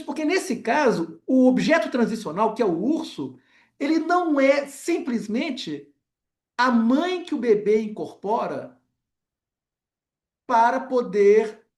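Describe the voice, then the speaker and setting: A man with a Brazilian accent giving an academic lecture, pausing often and filling gaps with short filler words and tag questions. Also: very high voice.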